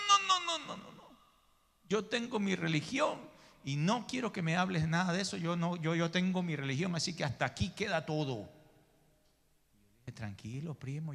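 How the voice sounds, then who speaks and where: A man's voice: fairly high pitch, sharp tone, long reverb tail. A male pastor preaching a sermon in church, emphatic, calling his listeners brother and acting out the people in his stories. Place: church sanctuary.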